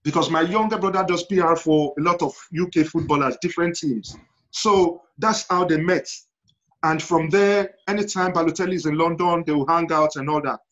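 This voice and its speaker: A man with a Yoruba Nigerian accent and a fairly high voice talks on a panel. He is emphatic, repeating himself and throwing out questions. The video call sounds slightly dull and lo-fi. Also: moderate pace, fairly bright tone. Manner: emphatic storytelling with rhetorical questions and repetition. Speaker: panel guest. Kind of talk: impassioned panel discussion. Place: indoor room at home, video call.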